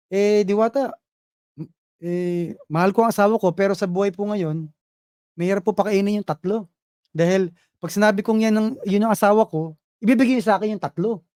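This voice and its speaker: A man giving a motivational business presentation, telling a fable in a lively way and often checking in with the audience. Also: high-pitched, no echo, studio quality. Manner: lively storytelling, asks audience "Tama?".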